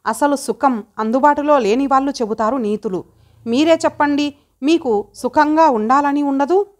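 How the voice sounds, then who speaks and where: A woman voicing a smooth-talking man who tempts a married woman, in a persuasive, coaxing manner. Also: sits high, close to an everyday voice.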